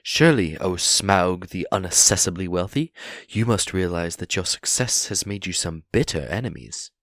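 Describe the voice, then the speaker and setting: A man voicing Bilbo, a small, timid male hobbit who talks in an over-polite, frightened squeak while trying to sound brave. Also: animated, moderate pace, fairly bright tone, no room sound. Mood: defiant.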